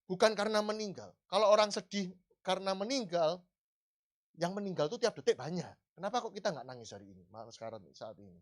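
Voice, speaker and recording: Lively conversational male preacher. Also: sits high, fast. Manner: lively, conversational, with rising emphasis. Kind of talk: sermon. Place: church hall.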